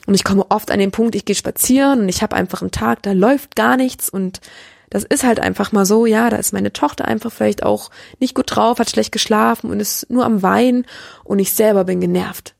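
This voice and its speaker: A woman's voice: mid-range voice, brisk, creaky, darkish tone, no room sound, studio quality. A woman in her thirties talking earnestly and reflectively as a mother, often restarting her sentences and checking in with "ja?". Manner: earnest, searching, with restarts and frequent "ja?". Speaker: mother sharing parenting reflections. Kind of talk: personal reflective talk.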